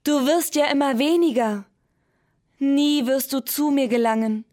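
A woman voicing a tender, sorrowful female moon that coaxes and laments in a raised, drawn-out voice in a storybook tale. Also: mid-range voice, expressive, darkish tone.

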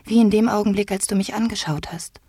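A woman voicing a hesitant, curious young boy in a whispered role-play, with a hushed, breathy voice. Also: medium pitch, brisk, no room sound, clean studio sound, pitched above the performer's own voice. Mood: wondering.

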